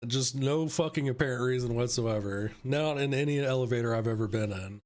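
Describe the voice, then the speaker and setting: A man's voice: mid-range voice, brisk, darkish tone. A young man hosting a live stream, casually ranting about a film with lots of swearing, laughter and mocking asides. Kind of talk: casual chat.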